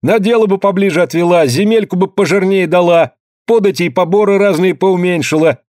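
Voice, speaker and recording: A man's voice: high-pitched, fairly quick, darkish tone, no room sound, studio quality, pitched above the performer's own voice, close to an everyday voice. A man voicing a resolute male peasant leader addressing a crowd, in an audiobook. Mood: earnest. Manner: earnest, oratorical.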